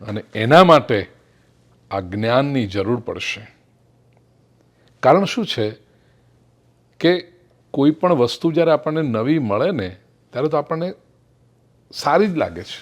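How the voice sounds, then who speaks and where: A middle-aged man giving a spiritual discourse, telling a parable with acted quotes and slowing down for emphatic English phrases. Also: mid-range voice, sing-song. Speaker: spiritual speaker. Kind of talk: Gujarati spiritual discourse with storytelling.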